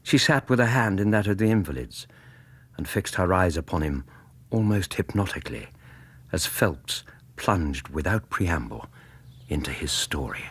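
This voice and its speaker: An actor playing a genial Victorian British doctor who narrates in a literary manner in a radio drama. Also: male voice, sits low, expressive, moderate pace, a bit bright, breathy edge, heavily acted. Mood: measured, narrating. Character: genial Victorian English doctor, sidekick and storyteller.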